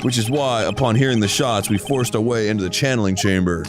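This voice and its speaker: A man playing a game, reading its dialogue in a low deadpan voice and joking crudely. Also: fast. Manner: deadpan, lowered voice when reading lines, crude jokes. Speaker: let's play host. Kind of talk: comedic game commentary and reading. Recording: video game music behind.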